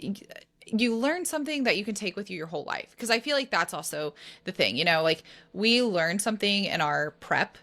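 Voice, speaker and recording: A woman's voice: medium pitch, lively intonation, brisk, bright, forceful tone. A woman in her thirties co-hosting a podcast in casual chat, talking eagerly with lots of "like" and many restarts. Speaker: podcast co-host.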